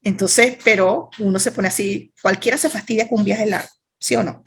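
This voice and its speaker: A woman's voice: medium pitch, steady tone, normal speed, slight background noise. A woman with a Venezuelan accent teaching a writing workshop over a video call, chatty and playful, with asides to her students.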